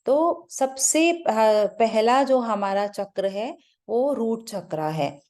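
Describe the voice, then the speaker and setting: Woman, meditation teacher, mellow warm tone, unhurried spiritual talk, frequent restarts. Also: a little high, expressive. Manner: loose, searching, with frequent restarts and fillers; mixes English words into the talk.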